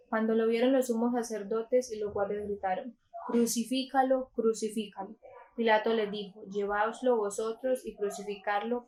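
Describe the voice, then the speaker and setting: A woman from Colombia reading a Gospel passage aloud in a calm, measured way, with a few small slips. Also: fairly high pitch, poor audio. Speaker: scripture reader.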